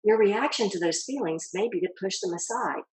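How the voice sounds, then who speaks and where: A woman giving a calm motivational talk as a self-help speaker, coaching the listener directly and asking rhetorical questions. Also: medium pitch, brisk, breathy edge, rough recording.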